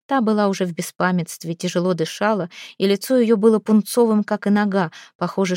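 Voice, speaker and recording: A woman reading a novel aloud as narrator, with even storytelling. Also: medium pitch, dry recording, studio quality. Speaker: audiobook narrator. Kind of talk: scripted narration.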